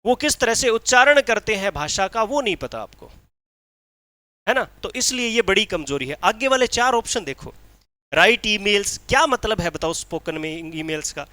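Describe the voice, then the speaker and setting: A male teacher, giving an exam-prep lecture, asking rhetorical questions and reading English lines out slowly. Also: high-pitched, animated, bright, forceful tone, no echo.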